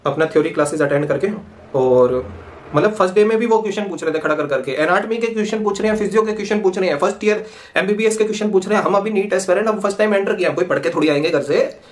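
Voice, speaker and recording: A man, telling a casual story full of slang and swearing. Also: high-pitched. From Punjab, India. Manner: rapid, slangy, swears freely. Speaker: vlogger, medical student.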